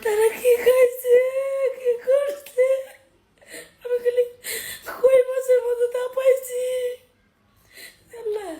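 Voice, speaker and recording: A woman's voice: very high voice, little pitch movement, slow, pauses often, warm tone, reverberant. A middle-aged woman, crying and pleading as she talks into the camera. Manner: tearful, sobbing while speaking, pleading. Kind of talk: emotional direct-to-camera vlog.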